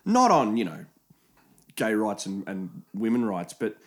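A young man co-hosting a casual podcast, who swears freely and breaks into loud acted-out quotes and laughter. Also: fairly low pitch, very animated, a little slow. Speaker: podcast co-host. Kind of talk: casual chat.

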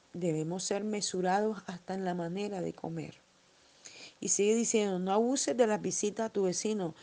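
Gravelly-voiced woman preaching a sermon. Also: medium pitch, mellow. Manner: emphatic, fervent preaching with quoted scripture.

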